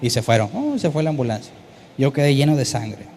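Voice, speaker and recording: A man, preaching a sermon and telling a story with lively, acted-out voices. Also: medium pitch, brisk, a little hiss or hum. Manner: animated storytelling, acting out quoted voices. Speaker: pastor.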